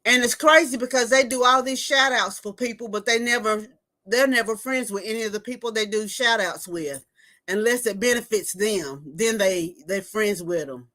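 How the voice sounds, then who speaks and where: Here a livestream host in her fifties keeps things casual, gossiping and reading comments from viewers aloud before giving her reaction. Her pitch is fairly high, her pace normal, and her tone sharp.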